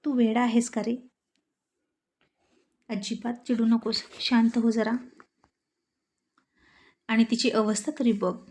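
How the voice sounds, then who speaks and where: A woman voicing a calm man who tries to soothe an angry friend, in an audio story. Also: on the high side, slow, long pauses. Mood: soothing. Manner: soothing, pleading. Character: calm peacemaking man, family elder brother type.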